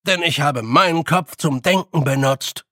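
A man's voice: a little high, unhurried, bright, forceful tone, no echo, studio quality. A man voicing a tiny, brash fairy-folk leader who blusters and improvises excuses. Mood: explaining.

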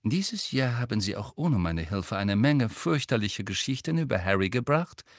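A man's voice: on the low side, very animated, normal speed, no room sound. A man voicing a sly, gossipy middle-aged female tabloid reporter with a wheedling, insinuating manner, in a dry close recording. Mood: scheming. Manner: wheedling, insinuating, mock-sweet.

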